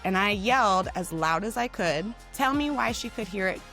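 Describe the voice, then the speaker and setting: A middle-aged woman co-hosts a podcast in casual chat, her mid-range voice loud, projecting and a bit hoarse from cheering, at a moderate pace. She's an animated storyteller who acts out quotes, with faint music behind her.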